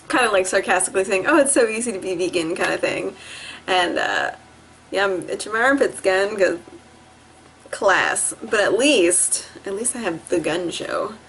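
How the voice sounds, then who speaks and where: A young woman from New Jersey rambles straight into her camera at home, cursing freely and breaking into laughter between thoughts. Her voice sits at an ordinary middle pitch, with a faint hiss of room noise behind it. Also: fairly bright tone. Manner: profane, scattered, laughs often, mimics herself in quotes. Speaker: vlogger. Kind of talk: rambling personal vlog monologue. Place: indoors at home. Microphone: camera facing the speaker.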